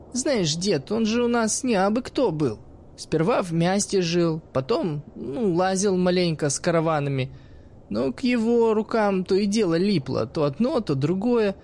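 A man voicing a cheeky, quick-tempered young woman who mocks and swears freely in a raised, high-pitched voice. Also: a little mellow. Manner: cocky, mocking, swears freely.

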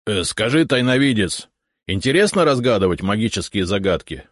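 A man's voice: lowish voice, big pitch swings, moderate pace, no room sound, clean studio sound, voice pushed up. A man voicing the curious, enthusiastic left head of an ancient three-headed dragon guardian, argumentative and triumphant. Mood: eager.

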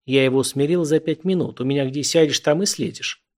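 A man's voice: on the high side, a little fast, darkish tone, close to an everyday voice. A man voicing a boastful, self-assured young man in a read-aloud story, close to his own voice.

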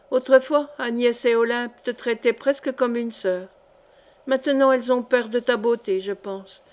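A woman's voice: on the high side, close to an everyday voice. A woman reading aloud as an old female miller who tells fortunes, commanding and solemn.

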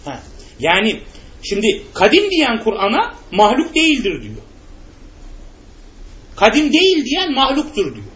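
A man's voice: very high-pitched, wildly swooping pitch, measured pace, long pauses, a bit bright. A man teaching a religious lesson, often asking his students questions and then answering them himself. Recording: muffled recording with faint background noise.

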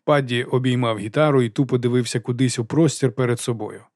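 A male narrator reads a comic fantasy novel aloud with even, measured storytelling. His voice sits at an ordinary middle pitch. The recording is dry and close, with no room sound. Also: dry recording. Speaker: audiobook narrator. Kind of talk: scripted narration.

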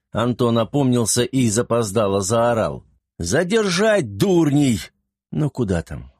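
A man narrating a fantasy audiobook in a brisk, vivid storytelling manner. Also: medium pitch, a little mellow, dry recording, studio quality.

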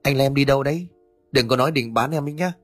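Male narrator voicing a scared young guy, panicky and whiny, husky voice, faint music behind. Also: mid-range voice, very fast, close to an everyday voice. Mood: nervous. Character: jittery young man, easily scared cousin.

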